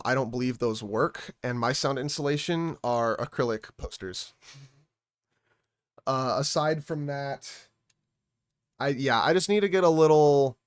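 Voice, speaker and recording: A man's voice: medium pitch, smooth, no echo. A man chatting casually on his stream at home into a music microphone, rambling and trailing off mid-thought. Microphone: studio music microphone.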